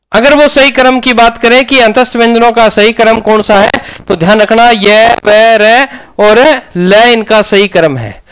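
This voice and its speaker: A man's voice: extremely high pitch, fairly bright tone, smooth. A man teaching a grammar lesson, asking questions and answering them himself.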